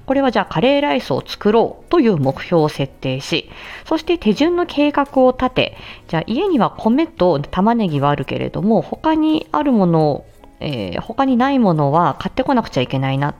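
A woman with a mid-range, darkish voice hosts an educational audio show as a speech-language therapist. Her talk is casual and explanatory, moving step by step through examples in a conversational way.

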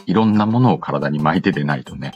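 Rumbling low and expressive, this man talks a little fast as he hosts a casual radio-style show. He chats and reads listener letters with slangy playfulness and self-interrupting asides, in a dull lo-fi recording with music playing behind.

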